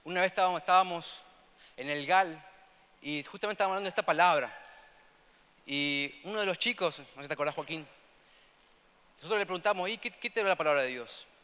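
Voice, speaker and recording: Young Rioplatense preacher, bright and high. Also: male voice, smooth. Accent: Rioplatense Spanish. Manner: earnest, repetitive, swings between loud emphasis and soft asides. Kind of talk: sermon. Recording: long hall reverb.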